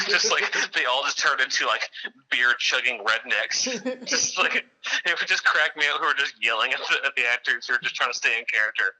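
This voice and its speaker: A man guesting on a podcast interview, telling animated stories and laughing at his own jokes. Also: mid-range voice, low-quality recording. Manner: animated storyteller, laughs at his own jokes, mocks fans in exaggerated voices. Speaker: guest, independent wrestler.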